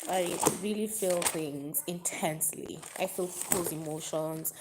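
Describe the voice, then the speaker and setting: Woman on a live stream, kinda low voice, talking open and emotional to her viewers. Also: unhurried, heavy background noise. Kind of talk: casual confessional live chat.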